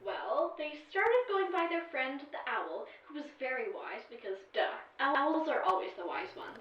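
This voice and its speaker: Her high-pitched voice swings widely in pitch and moves a little slowly as she plays a sassy, teasing artificial intelligence companion in an audio drama, sighing and stressing words dramatically. The storytelling is captured in an echoey, distant recording that makes her sound dull.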